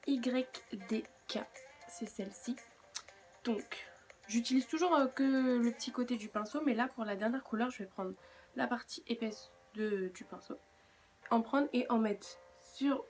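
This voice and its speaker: A woman's voice: on the high side, darkish tone. A woman with a French accent chatting casually through a makeup tutorial, with self-mocking asides. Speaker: beauty vlogger.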